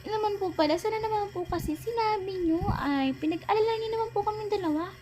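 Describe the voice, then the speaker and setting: A woman's voice: extremely high pitch, quick pace, darkish tone, a little hiss or hum, voice pushed up. A woman voicing a hot-tempered teenage older daughter who nags her parents in a doll-game role-play. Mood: scolding. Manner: nagging, indignant.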